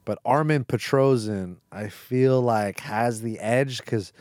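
A man co-hosting a casual sports podcast, slangy and relaxed, talking close to the mic. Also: medium pitch, slow, no room sound. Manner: casual, says "dude" and "bro". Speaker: podcast co-host. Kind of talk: casual chat.

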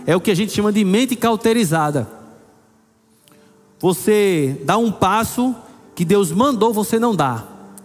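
A middle-aged male pastor preaching a sermon, building emphasis and reading scripture slowly. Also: sits high, lively intonation. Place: church hall. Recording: long hall reverb with faint music.

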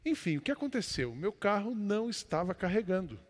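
A male pastor with a Brazilian Portuguese accent tells stories in his sermon, his fairly high voice echoing with the long reverb of a large hall. He talks a little fast with big pitch swings, shifting from loud declarations to low, confiding asides.

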